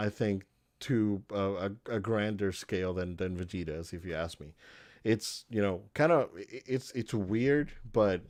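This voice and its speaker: A man's voice: on the low side, darkish tone. A man co-hosting a podcast, chatting casually and enthusiastically about movies, with many restarts and fillers. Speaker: podcast co-host.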